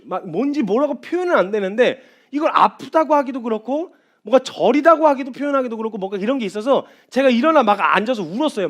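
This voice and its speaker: A man in his thirties preaching a sermon as a missionary, animated, acting out little scenes and then dropping to a quiet, intense tone. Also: high-pitched. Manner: animated, acts out voices and crying, drops to quiet intensity.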